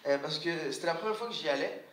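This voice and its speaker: A man from Algeria performing a stand-up comedy set at a live gala, playful and slipping into quick parody voices. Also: a little high. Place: live gala hall with audience. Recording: roomy hall, distant mic, loud noise. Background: audience laughter and ambience.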